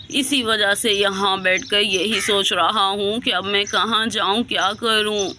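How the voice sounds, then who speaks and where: A woman's voice: mid-range voice, pushed and bright, a little hiss or hum. A woman voicing a heartbroken old man who was thrown out by his sons, lamenting his fate and weeping. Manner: sobbing, lamenting.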